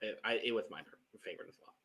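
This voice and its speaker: A man's voice: fairly low pitch, fast, gravelly, pushed and bright. A man co-hosting a podcast, reviewing an episode in casual chat, opinionated and moving the discussion along. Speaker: podcast co-host.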